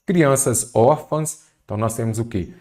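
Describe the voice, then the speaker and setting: A man's voice: mid-range voice, moderate pace, a little mellow. A man teaching an exam-prep grammar lesson, explaining step by step and answering his own questions. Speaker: Portuguese teacher.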